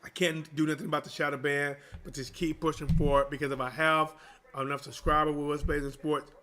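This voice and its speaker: Bright, high-voiced man calling boxing live. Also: little pitch movement, a little fast. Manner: slangy, informal, chatty with viewers. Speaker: boxing livestream commentator and channel host. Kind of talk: live boxing play-by-play commentary.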